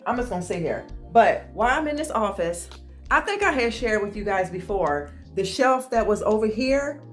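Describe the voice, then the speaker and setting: Excited chatty woman vlogger. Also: medium pitch, normal speed, soft background music. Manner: excited, chatty, addresses viewers as y'all. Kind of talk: casual chat. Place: home office.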